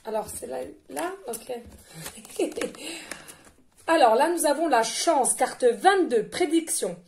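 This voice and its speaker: Woman medium, high voice, gushing and talkative, speaks right to her audience during a card reading. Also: expressive, takes it slowly, vocal fry, darkish tone, slight background noise. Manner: effusive, exclamatory, chatty; addresses listeners directly and often. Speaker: tarot and oracle card reader. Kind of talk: channeled card reading for viewers.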